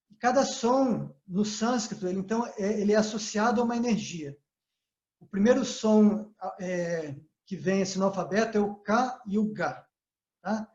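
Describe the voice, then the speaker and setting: A man giving a calm spiritual lesson, often checking in with his listeners as he explains. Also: high-pitched. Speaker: yoga teacher. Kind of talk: spiritual talk. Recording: echoey, slightly dull sound.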